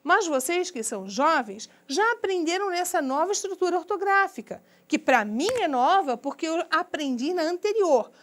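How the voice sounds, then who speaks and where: A woman's voice: very high voice, animated, moderate pace, few pauses, fairly bright tone. A middle-aged woman with a Brazilian Portuguese accent giving a recorded university grammar lecture, asking questions and answering them herself. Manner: didactic, asks and answers her own questions. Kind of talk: recorded distance-learning lecture.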